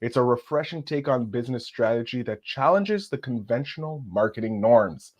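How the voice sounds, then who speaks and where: A man's voice: mid-range voice, lively intonation, normal speed, muffled recording. A man hosting a podcast, opening with a formal, grandiose and enthusiastic introduction before interviewing his guest. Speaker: podcast host.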